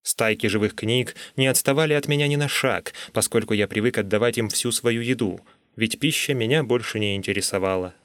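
A man narrating an audiobook in a scripted, expressive way. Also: a little fast, no echo. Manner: expressive, shifting between calm telling and shrill pleading.

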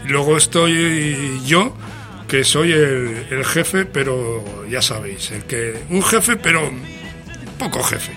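Over background music, a Spanish radio host from Spain playfully presents his show, full of jokes, theatrics, and exclamations. He speaks with a slightly high, animated voice and takes his time.

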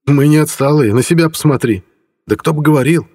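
A man reading an audiobook, voicing a proud, prickly older male scientist in a raised, husky voice. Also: fairly high pitch, fairly quick, darkish tone, voice pushed up. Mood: indignant. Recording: long hall reverb.

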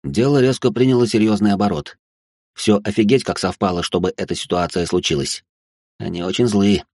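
A man narrating a dramatic first-person story with quick asides. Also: lowish voice, a little mellow, no echo, studio quality.

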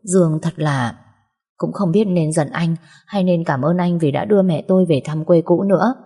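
A woman's voice: lowish voice, moderate pace, warm tone, breathy edge. A woman narrating a first-person story in an earnest, emotional way, with long hall reverb.

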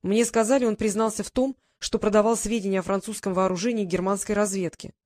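A woman reading the lines of an urgent, blunt young English gentleman in an audiobook, in a pressing, hurried manner. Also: medium pitch, steady tone, dry recording, close to an everyday voice.

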